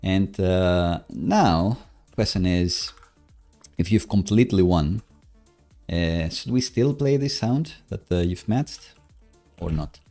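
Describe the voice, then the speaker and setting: A slow, very low-voiced man thinks aloud, animated yet hesitant and halting as he muses to himself. He's a live-coding streamer and host giving casual livestream commentary on his code, with soft music and keyboard typing in the background.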